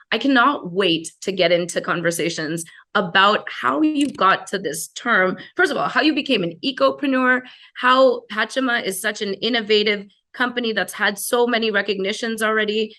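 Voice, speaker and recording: A woman's voice: on the high side, sharp tone. A woman hosting an interview, introducing her guest with enthusiasm. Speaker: host.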